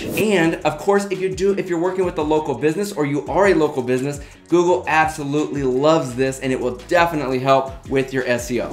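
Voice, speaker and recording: A man giving a step-by-step tutorial to camera, speaking in an upbeat, direct way. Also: on the high side. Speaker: marketing instructor. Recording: echoey room with faint music.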